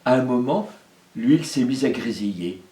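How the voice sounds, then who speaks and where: A man's voice: mid-range voice, lively intonation, normal speed, warm tone. A male storyteller telling a folktale in a rhythmic manner, with sung refrains. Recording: roomy echo, mic far off.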